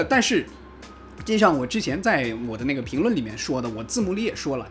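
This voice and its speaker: Fast, animated man chatting casually. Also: high voice. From China. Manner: animated, fast and chatty, mimics commenters in a raised voice, casual swearing. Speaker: car reviewer. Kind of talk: casual vlog chat.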